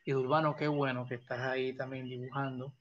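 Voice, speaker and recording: A man's voice: mid-range voice, level tone, fairly quick, lo-fi sound, slight background noise. Encouraging male live-stream host. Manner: affectionate, encouraging, reads chat aloud. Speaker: host of a live drawing show.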